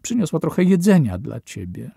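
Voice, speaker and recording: A man voicing an anxious, insistent mother in a wartime shelter, pleading and softly persistent in an audiobook. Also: on the high side, very animated, moderate pace, gravelly, slightly rough, no echo, studio quality, pitched above the performer's own voice, exaggerated voice. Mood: coaxing.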